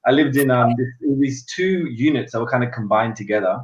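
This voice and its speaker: Fast-talking young Australian man, echoey. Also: mid-range voice, slight background noise. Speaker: guest. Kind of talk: casual chat. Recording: echoey, distant, dull sound.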